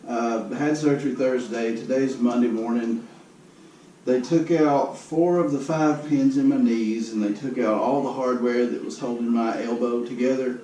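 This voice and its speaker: A man with a mellow, relaxed tone gives a casual, matter-of-fact personal update, sounding downbeat and resigned. He is picked up from a distance in a roomy space, with faint noise behind him. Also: mid-range voice. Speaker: vlogger giving a personal health update. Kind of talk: casual spoken video update. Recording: roomy, noisy, distant camera microphone.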